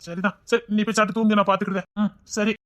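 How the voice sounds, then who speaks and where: A woman's voice: mid-range voice, level tone, racing, a bit bright, lightly acted. A woman playing a bossy, protective elder relative who scolds sharply, speaking in a family drama. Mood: casual. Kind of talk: home-made family drama acting.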